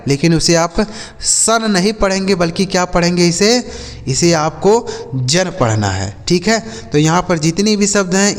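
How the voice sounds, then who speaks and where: A man teaching English reading to children, spelling words letter by letter, then asking and repeating the answer. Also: sits high. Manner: spells letters slowly, repeats and quizzes the kids. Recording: long hall reverb.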